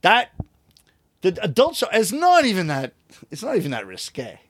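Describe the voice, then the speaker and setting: At a normal pace in a high voice, a middle-aged rakugo performer talks casually in an interview, with a dry recording. He tells his stories with animation, taking on the voices of the people he quotes.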